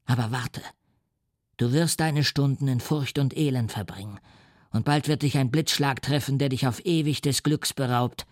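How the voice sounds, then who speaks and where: A man's voice: mid-range voice, no room sound, studio quality, natural voice. A man voicing the monster, choked and vengeful. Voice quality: choked, menacing. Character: lonely embittered male creature, vengeful, wronged. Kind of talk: audiobook reading.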